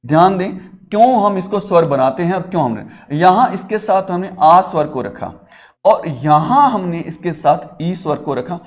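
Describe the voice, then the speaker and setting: A man with a somewhat high voice teaches a classroom grammar lesson. He coaxes his pupils along with questions and answers them himself. He calls them beta as he talks them through it. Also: animated, measured pace. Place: classroom with a digital board.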